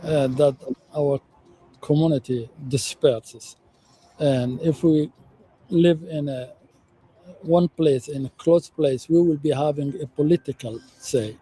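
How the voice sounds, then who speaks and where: A man answering questions in a street interview outdoors, speaking in a halting, measured way with pauses. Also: fairly high pitch, mellow, a little hiss or hum, low-quality recording.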